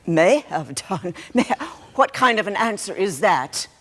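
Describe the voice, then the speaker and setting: A woman's voice: mid-range voice, big pitch swings, measured pace, fairly bright tone, in a large hall. A woman playing a flustered genteel mother. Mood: bewildered. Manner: pleading, flustered, repeats herself. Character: fretful older mother, genteel, easily shocked. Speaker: actor. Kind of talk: stage play acting.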